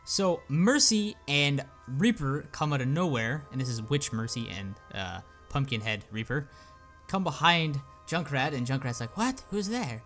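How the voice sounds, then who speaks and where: A man's voice: mid-range voice, expressive, a little slow, a bit bright, faint music behind. A young man recapping a comic as a casual story on his channel, rambling with lots of "and then, uh". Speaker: YouTuber.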